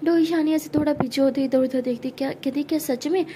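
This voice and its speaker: A woman's voice: high-pitched, steady tone, quick pace, dark tone, slight background noise. A woman narrating a love story in a conversational, scene-by-scene way.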